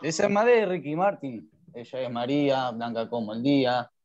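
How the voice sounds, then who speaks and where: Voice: mid-range voice, normal speed, darkish tone, a little hiss or hum. A student answering casually in an online class. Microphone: video call. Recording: muffled online call audio.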